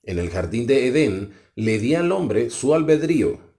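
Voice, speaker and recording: A man reading as a solemn, wrathful ancient god. The voice is dark and mellow and swings widely in pitch. The delivery is a slow, measured scriptural declamation. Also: very animated. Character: solemn ancient male deity, wrathful and grave.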